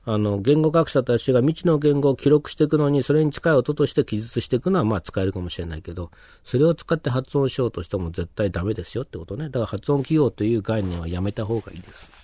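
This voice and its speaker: Man, mid-pitched pronunciation teacher, informal lecture, lots of fillers, dry sound. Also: lively intonation, quick pace, dark tone, husky, no room sound. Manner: informal, explains with many fillers and tag questions. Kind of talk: casual explanatory lecture.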